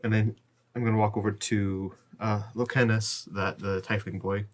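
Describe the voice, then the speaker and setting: A man playing a tabletop game, describing his character's actions in a halting way. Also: on the low side, level tone. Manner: halting, full of ums and restarts. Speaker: player.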